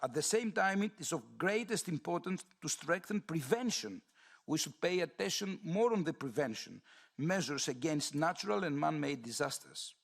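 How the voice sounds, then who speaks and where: A man from Greece, giving a formal, measured statement to a committee. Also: fairly high pitch, sing-song, vocal fry. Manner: formal, measured, read-out delivery. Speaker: committee member.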